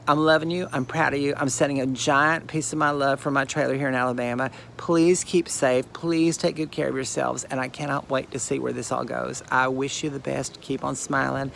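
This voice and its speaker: A man's voice: mid-range voice, gravelly, fairly bright tone, a little hiss or hum. A man sending an effusive, rambling video greeting from his trailer, full of encouragement and advice. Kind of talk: personal video message.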